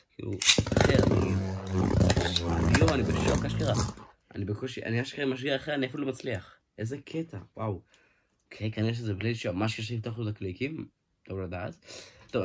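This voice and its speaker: A man giving a casual hands-on toy review, excitable, exclaiming often and restarting his sentences. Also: mid-range voice. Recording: noisy home recording with clicks.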